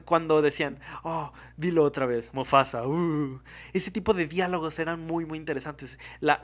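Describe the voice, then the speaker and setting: A man's voice: a little high, a bit bright. A young man talking casually to his viewers in a chatty, digressive monologue that often interrupts itself. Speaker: video commentator.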